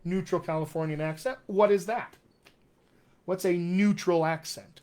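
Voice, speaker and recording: With a high, darkish voice, this man keeps his intonation fairly even and his pace measured. He's a dialect coach from Colorado, USA, hosting a relaxed live Q&A with upbeat, teacherly energy, and his General American speech shows traces of West Texas and upstate New York.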